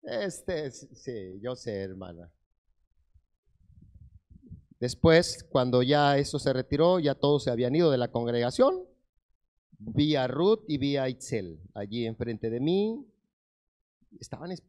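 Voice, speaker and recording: A middle-aged male pastor giving a sermon testimony, telling his story in a lively way that swings from loud bursts to hushed tones. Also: mid-range voice.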